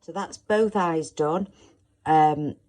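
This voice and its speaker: A woman hosting a step-by-step makeup tutorial, talking in a soft, chatty way as she demonstrates, with a croaky voice. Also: sits low, slow pace.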